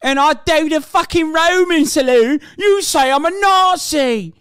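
A man's voice: very high voice, unhurried, no room sound, studio quality, pitched above the performer's own voice. A man putting on a mocking British accent to play a sneering, loutish nationalist who denies being a Nazi. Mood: indignant shouting. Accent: put-on British. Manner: sneering, shouting, sarcastic.

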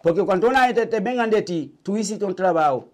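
Older man, Haitian accent, high voice, halting, repeats himself, small shrine room. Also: expressive. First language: Haitian Creole. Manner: halting, repetitive storytelling. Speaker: vodou priest. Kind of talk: interview.

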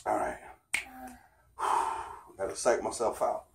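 A man's voice: lowish voice, level tone, takes it slowly, gravelly, a little hiss or hum. A man in his thirties talking casually to the camera in a fitness challenge vlog, recorded in a bedroom. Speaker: vlogger, father. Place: small bedroom at home. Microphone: camera on the floor a short distance away.

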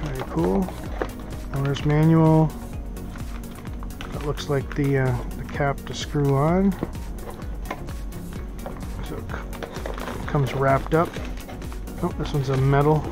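A man's voice: on the high side, steady tone, takes it slowly, pauses often, over music. A middle-aged man casually unboxing boat gear in a small office, thinking aloud with lots of fillers, recorded on a head-mounted camera. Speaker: boating vlogger.

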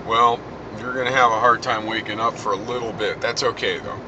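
A man's voice: mid-range voice, fairly even intonation, a little fast, lo-fi sound. A middle-aged man chatting casually in a car, coaxing with simple questions and repeated instructions. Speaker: caregiver driving a patient home. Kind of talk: casual chat. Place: inside a car. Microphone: handheld phone. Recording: phone video with clear vehicle noise.

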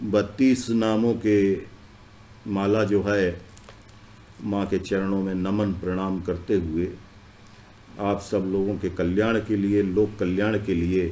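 A man giving a measured, solemn devotional recitation and chanting prayer verses. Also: lowish voice, a little mellow. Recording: echoey room.

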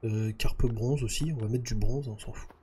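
A man's voice: mid-range voice, steady tone, normal speed, warm tone, a little hiss or hum. A man chatting casually through gameplay, thinking aloud with lots of fillers. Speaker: gaming YouTuber.

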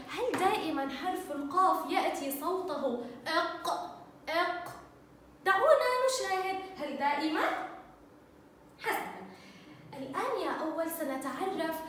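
High sing-song woman teacher, echoey. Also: lively intonation, fairly bright tone. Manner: encouraging, sing-song praise and drawn-out letter sounds. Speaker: first-grade Arabic teacher. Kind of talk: recorded online lesson for young children. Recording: echoey, distant mic, faint noise.

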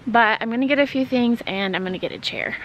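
Talking fast in a fairly high voice, a woman in her thirties narrates a casual vlog, soft-spoken and often whispering as she films in a wooden barn at night and a farmhouse kitchen. The audio sounds dull, with a little hiss or hum.

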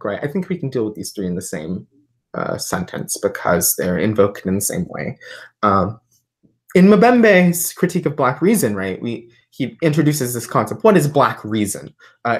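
A woman's voice: low voice, darkish tone. A woman guest on a livestream, explaining ideas thoughtfully with many fillers and restarts. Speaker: guest, artist and philosophy tutor. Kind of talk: livestream conversation.

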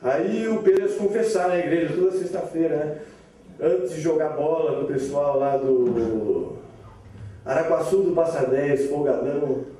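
A man's voice: a little high, measured pace, mellow. Man telling a rural São Paulo tall tale. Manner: chatty, rambling, frequent asides. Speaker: storyteller. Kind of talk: comic folk tale. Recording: echoey room, distant mic.

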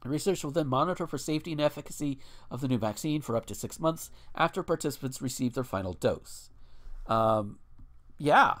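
A man's voice: medium pitch, fairly quick, a bit bright. A man co-hosting a casual podcast, talking bluntly and swearing freely, and sometimes reading a news article aloud. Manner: blunt and profane, ranting with restarts. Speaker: podcast co-host.

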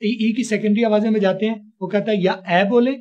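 A male teacher from Pakistan runs an online spoken English lesson. His voice sits high for a man and comes through a muffled, lo-fi call. He drills the student with patient, repetitive questions. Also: fairly even intonation, brisk, darkish tone.

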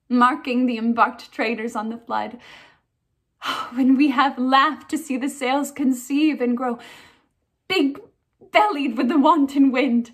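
A young woman playing a proud, tender fairy queen in a classical theatre monologue, poised, wistful and resolute. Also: high-pitched. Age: young adult.

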